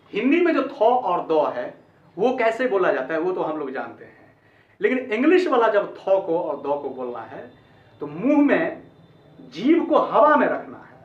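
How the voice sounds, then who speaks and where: A man teaching English pronunciation in a lesson, repeating each sound several times and calling the viewers friends. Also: high voice. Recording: echoey, distant, dull lo-fi sound.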